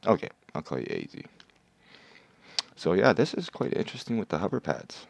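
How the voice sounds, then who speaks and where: A man's voice: deep voice, very animated, a little fast, gravelly. A man hosting a livestream, chatting casually and explaining game mechanics step by step. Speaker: livestream host. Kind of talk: casual gameplay commentary.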